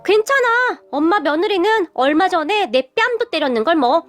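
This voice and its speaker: Brief: bratty shrieking sister-in-law, very high and lively, read by a woman narrator. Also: moderate pace, soft background music. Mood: taunting. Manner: shrieking, whiny. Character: bratty adult sister-in-law, shrill and spiteful.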